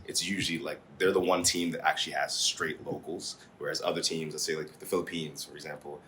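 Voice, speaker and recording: Deep-voiced young American man. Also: brisk, a little hiss or hum. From Singapore and the US. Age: young adult. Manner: relaxed storytelling, laughs often. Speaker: guest. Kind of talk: casual chat. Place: home dining room.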